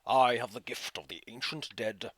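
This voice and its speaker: A man voicing a solemn, ancient dead spirit in a hushed, breathy soft voice, as ASMR role-play in a tabletop game. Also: mid-range voice, moderate pace, voice pushed down, natural voice. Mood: solemn, ominous. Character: solemn ancient corpse star spirit offering dark gifts.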